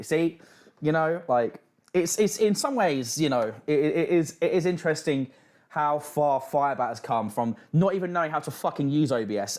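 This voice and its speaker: A British man hosting a casual livestream, reacting and reading out chat with sweary, mocking banter. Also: mid-range voice. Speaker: livestream host.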